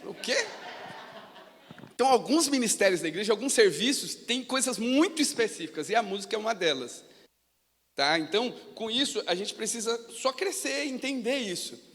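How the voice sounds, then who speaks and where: Guy preaching, high voice, long church echo, chatty storytelling. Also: normal speed. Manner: storytelling, animated, casual. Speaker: pastor. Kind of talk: sermon. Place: church sanctuary. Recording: long reverb of a church hall.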